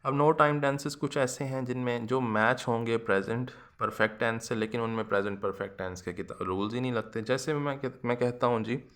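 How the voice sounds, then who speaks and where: A man, teaching English grammar to students in a lecture, checking often that they follow and reading English examples slowly and deliberately. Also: medium pitch, steady tone, fairly bright tone. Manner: addresses students as "janab" and "beta ji", often asks "theek hai". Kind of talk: classroom lecture.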